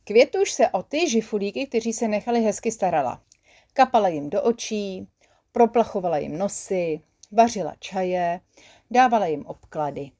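Woman reading a children's story. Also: medium pitch. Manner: lively, expressive narration.

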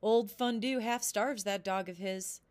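A woman's voice: mid-range voice, measured pace, close to an everyday voice. A woman reading a storybook, voicing a scheming man who talks slyly about a plot. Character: scheming adult man plotting in the street.

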